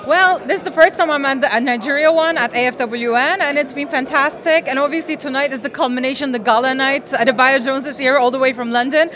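A woman with a high voice answers casually in a red carpet interview. She talks into a handheld mic over a faint event crowd. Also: fast, hardly any pauses. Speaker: event guest being interviewed. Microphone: interviewer's handheld microphone.

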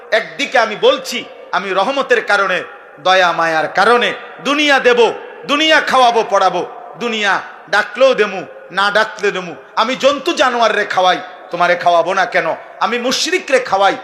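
Fiery high-pitched male preacher. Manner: impassioned, repeats phrases, rises to shouts. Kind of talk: fiery sermon at a religious gathering.

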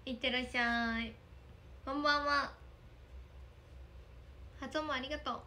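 Young woman, high bright voice, chatty livestream, giggly, thanks viewers, faint hiss. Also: fairly even intonation, a little slow. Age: young adult. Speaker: idol livestreamer. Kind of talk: casual livestream chat reading comments. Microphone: phone camera.

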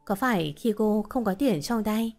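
A woman reading a short story as narrator in a steady, even storytelling voice. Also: medium pitch, moderate pace.

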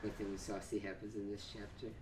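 A man's voice: on the low side, flat delivery, fairly quick, a little mellow, roomy sound, slight background noise. A man hosting a show, giving a casual comedic reading and laughing often as he goes. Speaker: host reading fan fiction aloud.

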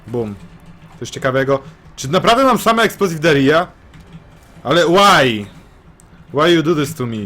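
A man giving excitable let's-play commentary, swearing and repeating phrases in bursts. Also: a little high, a little slow, pauses often. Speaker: gameplay commentator.

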